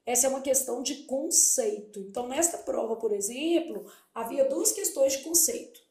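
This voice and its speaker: In an echoey room, a woman from Brazil teaches Portuguese for an upcoming exam, asking questions aloud and supplying the answers on her own. She speaks at a normal speed with a high-pitched, mellow voice and lively intonation.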